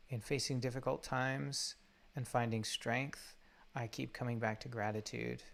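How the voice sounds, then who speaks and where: A man leading a guided meditation from a laptop or phone while traveling, talking haltingly with many fillers and restarts. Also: medium pitch, creaky. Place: undisclosed spot while traveling. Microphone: laptop or phone mic.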